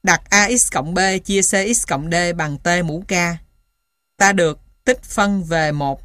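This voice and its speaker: A woman reading scripted material as dictation, piece by piece, in a measured, matter-of-fact way, like an instructor. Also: lowish voice, fairly bright tone, dry recording, clean studio sound. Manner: dictating symbols and punctuation one piece at a time. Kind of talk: scripted dictation of maths formulas.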